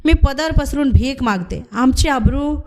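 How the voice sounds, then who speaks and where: A woman's voice: high voice, expressive, measured pace, pitched above the performer's own voice. A woman voicing a frightened middle-aged wife begging for mercy. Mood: pleading. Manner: pleading.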